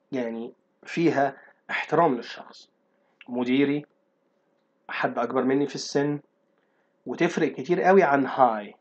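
A young man with an Egyptian Arabic accent, teaching an online lesson and slowly repeating phrases to explain them. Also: on the high side. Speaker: English teacher. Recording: dull lo-fi recording.

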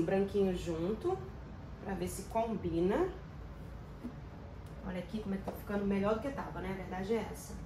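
Against a noisy background, a middle-aged woman with a medium-pitched voice organizes her kitchen drawers while chatting to viewers. The home organizing vlogger is chatty, says "gente" to her audience, and leans on diminutives.

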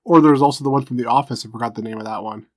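A man's voice: medium pitch, very fast, dry recording, studio quality. A man co-hosting a casual true crime podcast, making laid-back jokes and side remarks. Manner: joking asides, laid-back banter. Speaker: podcast co-host.

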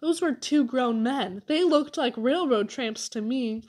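A woman's voice: high voice, measured pace, darkish tone. A woman reading aloud, voicing a nervous, cautious young boy who talks weakly and hesitantly. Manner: weak, hesitant.

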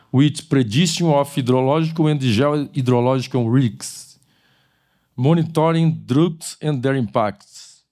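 A man's voice: mid-range voice, dark tone. An older man giving a keynote lecture in a large auditorium at a podium mic, often restarting and correcting himself. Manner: halting, with frequent restarts and self-corrections. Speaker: keynote speaker. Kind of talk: conference lecture. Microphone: podium microphone.

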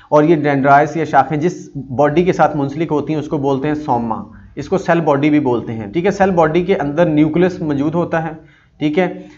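A male psychology teacher walks through a diagram step by step, repeating key terms and often checking that his students follow. His voice sits a little high. He slips from read-out English definitions into his own plain explanation, and the recording sounds somewhat dull and lo-fi. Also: darkish tone.

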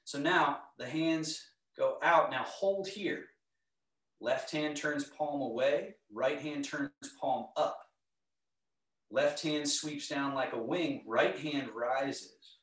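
A middle-aged man teaching tai chi, giving calm, serene, step-by-step movement cues in a measured way. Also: a little high. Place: indoor home living area. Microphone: camera across the room. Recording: echoey room, distant microphone.

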